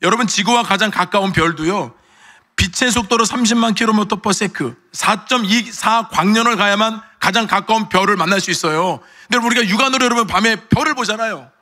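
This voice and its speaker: A middle-aged man preaching a sermon as pastor, animated, acting out the voices he quotes. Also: high voice, brisk. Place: church sanctuary. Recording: long church reverb.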